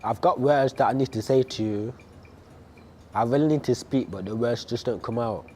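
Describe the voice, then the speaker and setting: A young man performing spoken word poetry in a quiet, introspective recitation. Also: mid-range voice, moderate pace, a little hiss or hum. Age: young adult.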